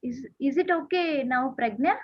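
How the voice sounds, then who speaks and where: A woman's voice: sits high, moderate pace. A woman, heard over a video call with echo, politely asking whether she can be heard in a school staff meeting. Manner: hesitant, checking if she is heard. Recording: tinny echoey video-call audio.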